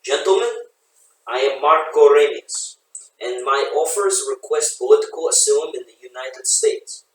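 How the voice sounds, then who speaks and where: A man voicing a calm, authoritative male submarine captain who speaks in a hushed, controlled way. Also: a little high, normal speed, close to an everyday voice. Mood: formal. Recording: echoey room, voice from a distance.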